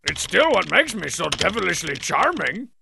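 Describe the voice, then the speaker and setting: A man voicing a brash, boastful masked male wrestler in a cartoon, gruff and gravelly, swaggering and sarcastic. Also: sits high, big pitch swings, normal speed, background noise, exaggerated voice. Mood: cocky. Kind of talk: cartoon email-answering monologue.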